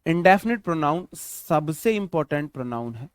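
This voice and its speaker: A young male teacher with a Hindi accent walks students through English grammar for an exam-prep class, calling them brother and repeating each point several times. His voice sits a little high for a man. The recording is dry and close, with no room echo. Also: lively intonation, normal speed, clean tone. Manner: repetitive, addresses students as brother, asks them questions. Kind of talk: online exam-prep lesson.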